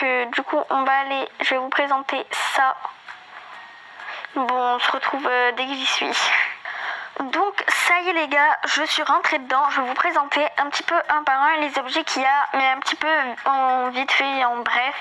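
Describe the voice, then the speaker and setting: A woman's voice: high voice, pushed and bright, rough recording. A woman giving a casual, hesitant game walkthrough, full of fillers and restarts, with a slight lisp. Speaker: gaming video creator.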